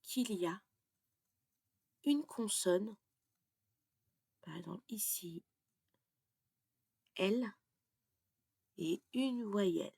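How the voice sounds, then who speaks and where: A woman gives a pronunciation lesson at a very slow, careful pace. Her voice is gravelly and somewhat husky. She often sinks into half-whispers while writing. The recording is dry and close. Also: mid-range voice, darkish tone, no echo. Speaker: French pronunciation teacher.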